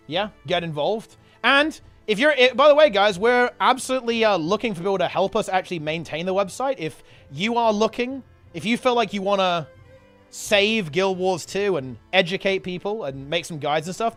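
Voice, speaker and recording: High pitched streamer dude chatting to viewers, slangy rambly, getting over being sick, music in bg. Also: male voice, a bit bright. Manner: rambling, slangy, repeating himself. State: getting over a sickness, on medication. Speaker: game streamer and video host. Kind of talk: casual livestream chat.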